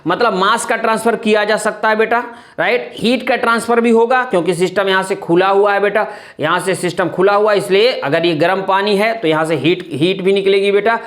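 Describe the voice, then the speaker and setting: Steady and brisk, with a fairly bright tone, the male chemistry teacher's voice sits high as he lectures with terms. "Thik hai na" recurs often, he calls the students "beta," and he answers the very questions he asks.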